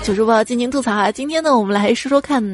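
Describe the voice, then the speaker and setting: A woman's voice: a little high, rapid-fire, music in the background. A woman hosting a comedy podcast, reading listener jokes, acting out quoted lines and laughing at the punchlines.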